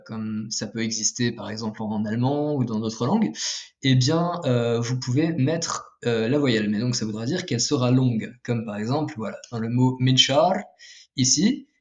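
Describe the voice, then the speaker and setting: A man's voice: mid-range voice, lively intonation, moderate pace, a little mellow. A man giving a casual video lesson, explaining step by step with frequent fillers and self-corrections while drawing with a pen. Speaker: language teacher.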